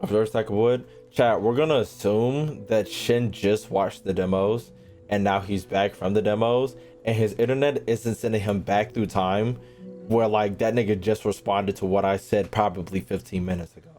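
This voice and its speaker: A game streamer gives casual, profane live commentary while he plays, now and then reading on-screen text aloud over game music. His voice is fairly low and a little mellow, with a steady tone and normal speed.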